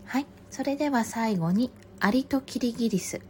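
A woman hosting a morning live stream, speaking softly and very politely and reading picture books aloud. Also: fairly high pitch, moderate pace, a little hiss or hum. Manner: soft, very polite, gentle.

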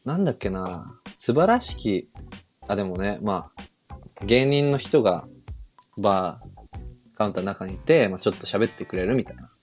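Guy around 30 rambling thru a story, low voice that swings up and down a lot, soft music behind. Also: sing-song, normal speed, pauses often. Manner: rambling storyteller, many fillers and trailing quotes. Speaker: podcast co-host. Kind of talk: casual chat.

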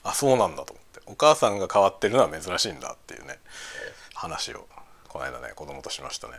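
Low-voiced, animated middle-aged man chatting over lunch. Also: fast talker, gravelly. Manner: musing aloud, talking in short trailing phrases over a meal. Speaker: host of a lunchtime chat. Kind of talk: casual chat while eating lunch.

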